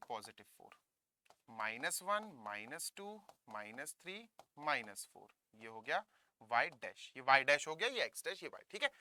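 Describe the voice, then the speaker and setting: A man with an Indian accent teaching a maths lesson online, coaxing and lively, switching between Hindi and English. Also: fairly high pitch. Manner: lively, coaxing, mixing Hindi and English, calls students kids.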